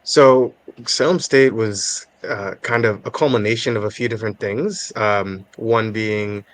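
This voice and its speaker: A young man from Haiti in his twenties, a guest on a podcast interview, answering in a measured, thoughtful way with many filler pauses. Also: on the low side, steady tone, dry recording.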